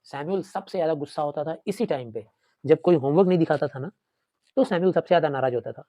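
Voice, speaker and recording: A man's voice: fairly high pitch, quick pace, warm tone, no room sound. Man teaching a story, dry close sound. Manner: explains line by line, repeats and asks questions. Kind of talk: story lesson mixing Hindi and English.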